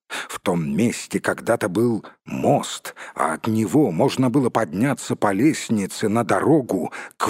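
Storybook elder dwarf, calm and regretful, husky and unhurried, as a male reader voices him. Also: lowish voice, no room sound, studio quality. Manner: measured explaining.

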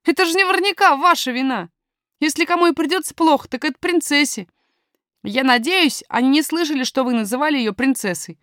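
A woman's voice: high-pitched, a little fast, a bit bright, no room sound, studio quality, pitched above the performer's own voice. Woman voicing a firm young miner boy. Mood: earnest. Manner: firm, matter-of-fact, lecturing. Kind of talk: audiobook character voice.

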